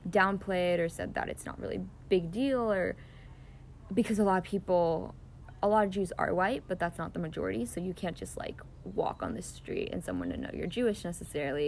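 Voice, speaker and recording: Young woman, low gravelly voice, lots of ums, recorded on a phone in a backyard with hiss. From Israel, raised in the US. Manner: earnest, many "um" and "like" fillers. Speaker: interviewee. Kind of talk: casual interview answers. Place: outdoors in a backyard.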